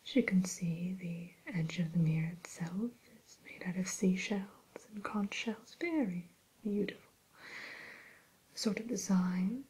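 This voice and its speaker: A woman playing a haughty evil fairy-tale queen turned shopkeeper in a breathy ASMR whisper, speaking in a genteel, unhurried way. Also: on the low side, darkish tone, poor audio. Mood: genteel, disdainful. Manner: genteel, aloof, unhurried, hesitant pauses.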